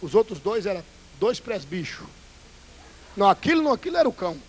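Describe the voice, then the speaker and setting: A male Pentecostal pastor, preaching a fiery, theatrical sermon that swings between loud bursts and hushed asides. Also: high-pitched, big pitch swings, fast, husky, low-quality recording. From Brazil.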